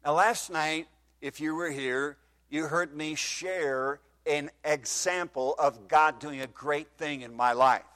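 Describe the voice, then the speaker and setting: Slow and fairly bright, with a pitch on the high side, a man in his fifties gives a miked sermon in a slightly echoey church hall. He reads scripture in archaic King James wording and questions the congregation.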